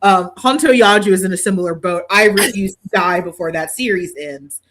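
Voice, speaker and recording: A woman's voice: mid-range voice, fairly quick, noisy background. A woman hosting a podcast in casual chat, swearing freely and poking fun at herself with dramatic exaggeration. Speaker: podcast host.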